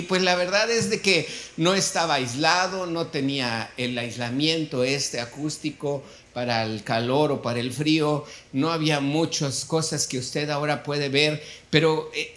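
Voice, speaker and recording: A man with a Mexican Spanish accent, a pastor telling an animated story in a sermon and acting out the dialogue. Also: a little high. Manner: storytelling, animated, acts out dialogue with shifting volume.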